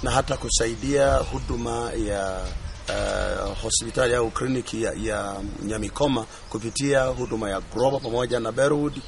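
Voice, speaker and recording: A man giving a brisk interview statement. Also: medium pitch, vocal fry, a little hiss or hum.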